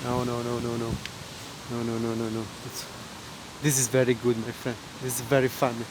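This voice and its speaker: A man who is not a native English speaker gives casual walking-tour commentary in halting, repetitive, simple broken English, as a travel vlogger. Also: medium pitch, completely flat delivery. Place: outdoors, walking in a city park. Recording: loud wind and outdoor noise.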